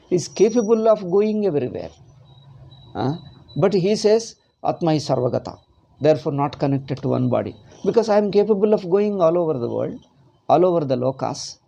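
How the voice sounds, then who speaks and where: Higher-pitched South Indian man, gravelly lecturer. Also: mellow. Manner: emphatic, repetitive explaining with rhetorical questions. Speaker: Vedanta teacher. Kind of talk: spoken scriptural lecture with Sanskrit quotation and commentary.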